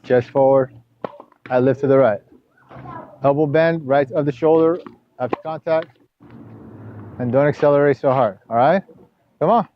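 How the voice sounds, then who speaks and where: A man's voice: normal speed, long pauses, slight background noise. Rambling male tennis coach. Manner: rambling, repeats himself with many restarts; rises loud and high when scolding. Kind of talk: sports coaching session. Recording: dull lo-fi camera audio.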